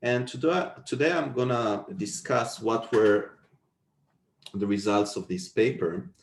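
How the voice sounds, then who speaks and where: There's slight background noise as this university lecturer speaks, unhurried, in a lowish voice. He's indoors on an echoey online video call, explaining a technical topic and asking questions to make sure it lands.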